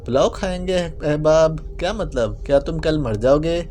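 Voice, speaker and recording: A man's voice: a little high, lively intonation, a little mellow, a little hiss or hum, close to an everyday voice. A man voicing an exasperated, hot-tempered young woman agent who scolds sharply.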